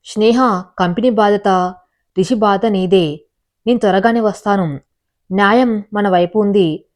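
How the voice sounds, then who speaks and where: A woman's voice: medium pitch, a little slow, a little mellow, lightly acted. A woman voicing a firm, protective elder brother who runs a company, in a read-aloud story. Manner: firm, commanding.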